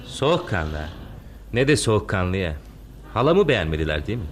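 A man's voice: deep voice, very animated, fairly quick, a little hiss or hum. An actor playing an earnest young man in love in a radio drama, emphatic and frank. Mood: wry.

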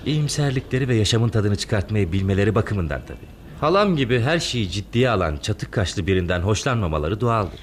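A man's voice: on the low side, lively intonation, fairly quick, few pauses, slight background noise, natural voice. A man playing an earnest young suitor. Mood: wry. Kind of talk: radio drama acting.

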